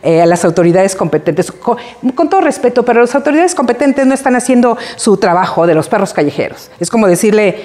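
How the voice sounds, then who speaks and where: A woman co-hosting a casual talk show, expressive and emotional, acting out the phrases she quotes. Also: mid-range voice, quick pace. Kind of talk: casual chat.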